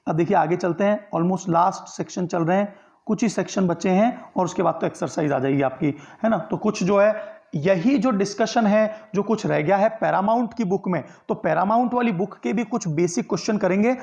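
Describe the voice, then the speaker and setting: Lo-fi audio carries a man's high, darkish-toned voice at normal speed as he delivers an online exam-prep lesson on grammar. Step by step, he asks and answers his own questions, adding tag questions that look for listeners' agreement.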